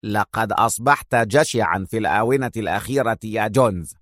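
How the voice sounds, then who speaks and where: A man voicing a calm, cold, contemptuous male crime boss who speaks slowly and coolly in a storybook reading. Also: fairly low pitch, no room sound, clean studio sound, natural voice. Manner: cool, slow, contemptuous.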